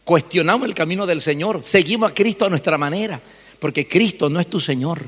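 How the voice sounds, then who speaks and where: A male pastor delivers a lively sermon. His voice sits fairly high for a man, and he peppers the talk with rhetorical questions. A long church reverb trails each phrase. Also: brisk. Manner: animated preaching, rhetorical questions, acts out congregants' voices. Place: church hall.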